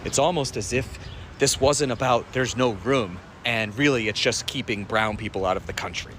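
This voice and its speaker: A man's voice: medium pitch, normal speed, a bit bright, slight background noise. A man giving wry, incredulous political commentary to the camera. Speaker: social media commentator.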